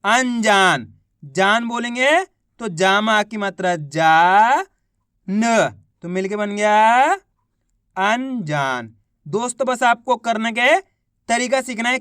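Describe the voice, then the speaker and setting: A man's voice: extremely high pitch, bright, forceful tone, smooth, no room sound, clean studio sound. A man teaching beginners to read, sounding out words syllable by syllable and asking the viewer questions. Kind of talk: reading lesson for beginners.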